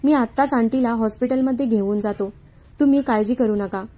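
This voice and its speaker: A woman voicing a kind, comforting young man, calm and reassuring, in her own reading voice. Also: fairly high pitch, brisk, close to an everyday voice.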